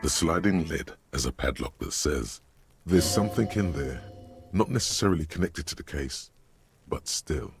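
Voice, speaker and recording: A man's voice: rumbling low, animated, moderate pace, vocal fry, soft background music, heavily acted. A man voicing the dry, wry inner narrator of a detective video game. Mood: measured.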